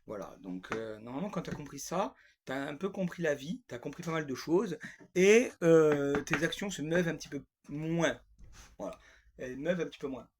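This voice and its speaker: A man's voice: on the high side, expressive, normal speed, background noise. A man delivering a rambling, grumpy and sarcastic comic monologue, repeating himself often.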